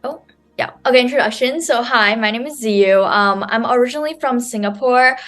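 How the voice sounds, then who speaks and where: A woman's voice: a little high, brisk, a bit bright. A woman student raised in New York presenting her nonprofit at an online conference over a video call, talking in a chatty way full of "um" and "like". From New York City, USA.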